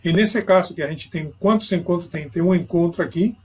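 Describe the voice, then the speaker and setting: A man's voice: high-pitched, fairly quick, slightly rough. A man giving an online grammar lesson, explaining step by step and checking in with his students. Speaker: Spanish teacher.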